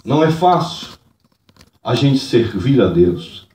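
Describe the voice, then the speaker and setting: A man preaching a fervent sermon and testimony in church, moving from hushed tones to shouts. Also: mid-range voice, big pitch swings, slow. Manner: fervent, swings from hushed to shouting, speaks in tongues. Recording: echoey church hall, distant mic.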